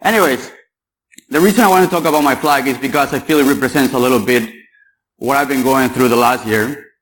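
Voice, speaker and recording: A man's voice: medium pitch, a little fast, a bit bright, poor audio. Young man from Paraguay, conference speaker, playful and chatty, faint room noise. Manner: joking, chatty, quizzes the audience. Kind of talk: security conference talk. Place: conference hall.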